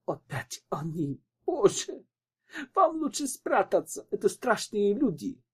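A man's voice: medium pitch, very animated, measured pace, warm tone, breathy edge. A man voicing a frightened young widow who speaks in a trembling, pleading way. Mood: panicked.

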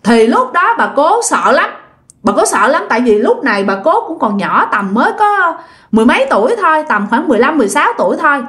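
A woman's voice: high voice, very animated, brisk, a bit bright. A woman telling a ghost story in a chatty way, addressing listeners directly. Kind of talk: casual spoken ghost story.

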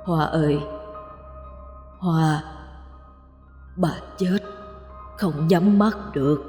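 The mournful ghost of a dead old grandmother, as a woman storyteller puts her on, calling out in a slow, dragging voice. Her words float in a roomy space with a long reverb trailing behind them. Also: low voice, mellow, faint music behind. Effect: echoing reverb. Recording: echoey, long hall reverb.

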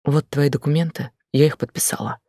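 A man's voice: on the high side, steady tone, brisk, mellow, no echo, clean studio sound, natural voice. A man voicing an indignant, hurt wife in an audiobook, talking back firmly.

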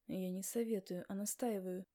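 A woman voicing a husband who insists rather than asks, talking down to his wife in a firm, commanding way. The voice sits lower than the reader's own and has a soft, mellow tone. It is an audiobook scene. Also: fairly even intonation, moderate pace, lightly acted. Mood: insistent. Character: stern insistent husband, adult man.

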